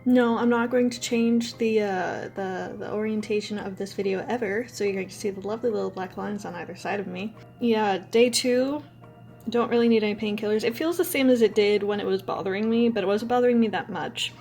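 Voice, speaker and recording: A woman's voice: medium pitch, brisk, gravelly, a little mellow, faint music behind. A young adult woman vlogging in a casual, candid, rambling way, telling personal stories and swearing now and then. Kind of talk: casual personal storytelling to camera.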